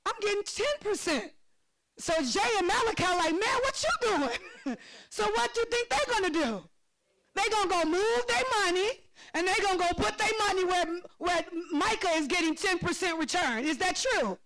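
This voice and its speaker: A woman with a very high voice leads a financial literacy workshop. She is lively and excitable, laughs often and calls on audience members by name as she teaches. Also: normal speed, rough recording.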